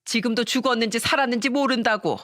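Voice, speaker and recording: A narrator voicing a shameless middle-aged mother-in-law who shouts defiantly for a storytelling radio piece. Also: mid-range voice, lively intonation, unhurried, no room sound, clean studio sound. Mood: brazen, scornful.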